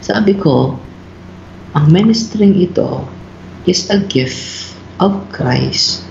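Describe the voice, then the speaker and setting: Slow-talking priest, echoey room. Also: male voice, gravelly, a little hiss or hum. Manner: animated storyteller, mixing English into Filipino, frequent "bro" and "no?". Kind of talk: conversational teaching in a talk show. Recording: roomy, dull low-fi sound.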